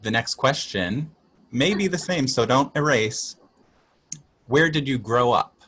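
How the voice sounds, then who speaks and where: A man hosting a casual group chat, playful and quick to laugh. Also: medium pitch, animated, fairly bright tone, slightly rough. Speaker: host.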